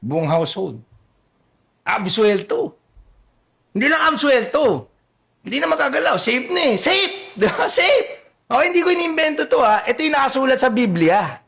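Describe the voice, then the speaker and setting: High-pitched joking male storyteller. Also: normal speed, vocal fry. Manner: animated, joking asides, laughs mid-sentence; swings between loud bursts and low mutters. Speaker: satirical vlogger. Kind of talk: comedic Bible-story retelling.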